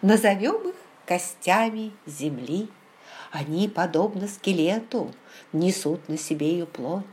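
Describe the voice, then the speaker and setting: A woman narrating a novel in the first person, with a measured, expressive reading. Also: lowish voice. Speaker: audiobook narrator. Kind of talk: scripted literary narration.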